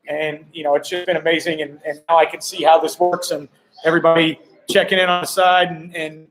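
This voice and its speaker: A man, a high school football coach, hosting a casual live-stream walkaround, upbeat and greeting viewers and passersby. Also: low-quality recording. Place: hotel during a coaching clinic.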